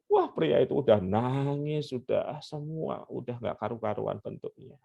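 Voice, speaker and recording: A male pastor preaching a story, animated and acting out the voices of the people in it. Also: mid-range voice, a little slow, vocal fry, dull audio. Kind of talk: storytelling sermon.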